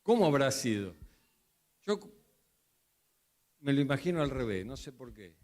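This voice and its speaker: A man's voice: mid-range voice, sing-song, unhurried. A man preaching a sermon, telling the story vividly and acting out the voices in it. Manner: storytelling, acting out the disciples' cries and Jesus' replies. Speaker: pastor.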